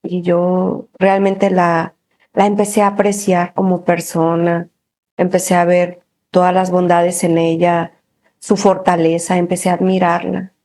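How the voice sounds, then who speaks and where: Woman sharing her faith story in an interview, animated, laughing a lot, lots of filler words. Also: on the low side, a little slow. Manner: lively storyteller, laughs often, many fillers. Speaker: interview guest. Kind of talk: personal faith testimony.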